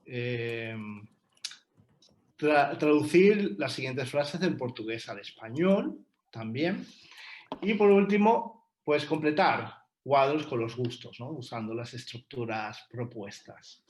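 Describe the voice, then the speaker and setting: A man's voice: mid-range voice, takes it slowly. A man co-presenting a textbook in an online talk, speaking in a hesitant way with many fillers and restarts over a video call.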